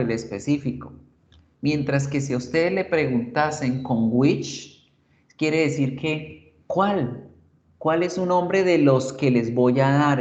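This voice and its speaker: Slow-explaining male teacher in an echoey room. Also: mid-range voice, a little mellow. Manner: slow, explanatory, addresses students as chicos. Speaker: English teacher. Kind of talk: online class explanation. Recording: echoey, muffled lo-fi recording.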